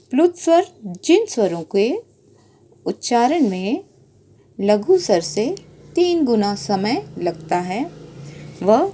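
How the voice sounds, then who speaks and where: A woman's voice: a little high, warm tone. A woman teacher giving a grammar lesson, explaining patiently, repeating points and drawing out example sounds.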